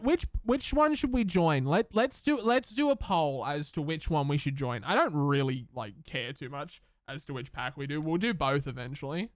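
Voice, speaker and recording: A man's voice: on the high side, fairly bright tone, no echo. A man giving casual live-stream commentary while playing a game, chatty and upbeat, talking to his chat and to the characters.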